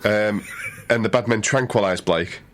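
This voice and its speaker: A man's voice: lowish voice, normal speed. A man co-hosting a casual podcast chat, wry and laughing between lines. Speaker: podcast co-host.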